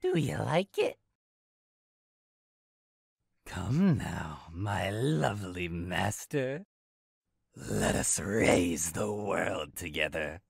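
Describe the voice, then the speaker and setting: A woman's voice: very deep voice, big pitch swings, slow pace, vocal fry, slightly rough, no echo, clean studio sound, full character voice. A woman playing a playful, flirty demon jester for a visual novel horror game, teasing and sweetly menacing in a theatrical way. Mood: seductive, menacing. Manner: theatrical, teasing, swinging from singsong chirps to sinister purrs.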